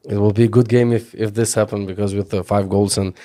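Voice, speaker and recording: Radio host guy, lowish voice, asks his questions with lots of uhs. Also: level tone, fast talker, warm tone. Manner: asks questions with many hesitations. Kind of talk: radio interview. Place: radio studio.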